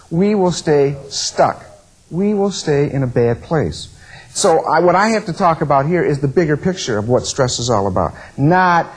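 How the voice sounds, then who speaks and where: A man's voice: on the high side, husky, poor audio. A middle-aged man giving a lecture on stress at a workshop, acting out what others say. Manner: animated, acts out quotes of others. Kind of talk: lecture to an audience.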